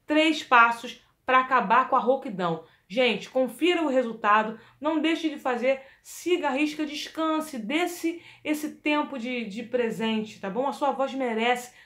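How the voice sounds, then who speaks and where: A woman singing teacher giving a lively vocal lesson, coaching the listener directly and demonstrating exercises. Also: high voice, unhurried, hardly any pauses. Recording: echoey room.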